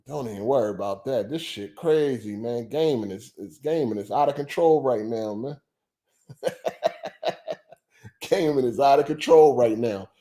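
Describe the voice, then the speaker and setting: A man's voice: medium pitch, unhurried, long pauses, dark tone. A man hosting a casual podcast livestream, talking loosely and profanely and repeating himself for effect. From Philadelphia. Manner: loose, profane, repetitive banter. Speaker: podcast host.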